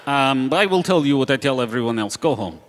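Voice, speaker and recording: A man's voice: medium pitch, lively intonation, quick pace, natural voice. A man voicing a weary, discouraging bartender in a tabletop game, dry and exasperated with formal phrasing. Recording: reverberant hall with some noise.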